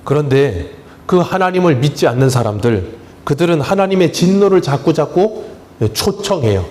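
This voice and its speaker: This pastor's sermon in the church sanctuary comes in a slightly high, darkish male voice with lively, rising-and-falling intonation at normal speed. He speaks in a conversational, humorous, plain way, repeatedly posing questions to the congregation and answering them himself.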